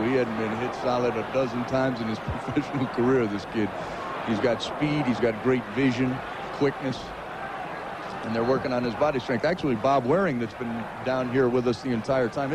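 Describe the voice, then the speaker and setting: A man's voice: mid-range voice, steady tone, brisk. A man giving conversational colour commentary on a boxing match from ringside. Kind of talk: conversational sports analysis. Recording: noisy ringside broadcast.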